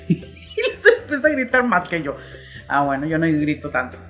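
A woman's voice: sits low, sing-song, normal speed, faint music behind. A middle-aged woman with a Mexican accent, ranting in comic exasperation to her vlog audience, grumbling and mock-outraged. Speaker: vlogger. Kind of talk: comic rant to camera.

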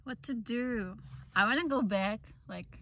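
A young woman chatting casually for a vlog in an informal, expressive way, full of exclamations. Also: unhurried. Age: young adult. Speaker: vlogger. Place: inside a car and on an open windy beach. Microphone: phone at arm's length. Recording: muffled, loud car rumble and wind noise.

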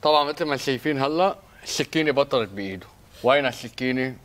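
A man's voice: mid-range voice, animated, very fast, a bit bright, natural voice. A man with a Lebanese accent acting a boastful, bumbling self-defense coach in a comedy sketch, tossing English words into his speech. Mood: cocky.

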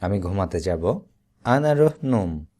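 In this Arabic vocabulary drill, a Bangladeshi man pronounces every word slowly and says it a second time. He repeats things deliberately while his pitch stays lively.

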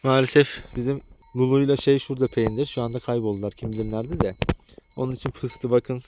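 A man's voice: medium pitch, steady tone, fast talker, background noise. A man from Turkey talking casually to viewers while herding animals outdoors, chatty, often calling out to his animals. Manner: chatty, exclaims and scolds animals. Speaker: village vlogger. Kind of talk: casual vlog talk to viewers. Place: outdoors in a village pasture.

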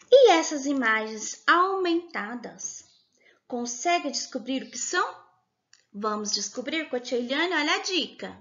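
Brazilian preschool teacher, talks super slow, bright clear voice, kinda muffled lo-fi audio. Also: female voice, high voice. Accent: Brazilian Portuguese. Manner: slow, syllable-by-syllable, clapping out words; patient, encouraging, asks questions. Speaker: kindergarten teacher. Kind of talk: remote class for young children.

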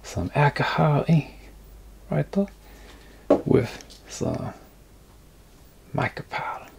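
A man's voice: fairly high pitch, big pitch swings, takes it slowly, gravelly, noisy background. A man hosting a casual workshop vlog, rambling in a folksy, joking way to his viewers. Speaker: craft channel host. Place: indoor workshop.

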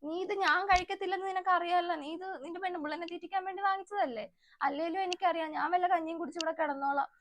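A woman's voice: very high voice, fairly even intonation, rapid-fire, a bit bright, slight background noise. A woman voicing a self-pitying, nagging older mother-in-law who complains and accuses, in a comedic family skit. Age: 60s. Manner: whiny, accusing, theatrical complaining.

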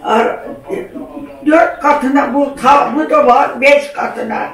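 A woman's voice: sits high, slow pace, creaky. An older woman, rambling homespun stories in casual family chat. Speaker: mother-in-law. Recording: echoey room, distant mic, voices around.

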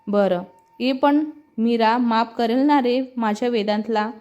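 A woman reading the lines of a friendly, hospitable middle-aged father in a storybook, slightly muffled with soft music behind. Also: a little high, a little slow, clear, resonant tone, lightly acted.

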